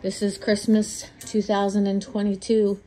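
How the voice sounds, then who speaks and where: On a handheld phone camera, a woman films her house room by room, talking casually about where she got each item as a home vlogger. She's getting over a cold and sounds a little congested. Her medium-pitched voice is warm, monotone, and unhurried, and the rough recording has slight background noise.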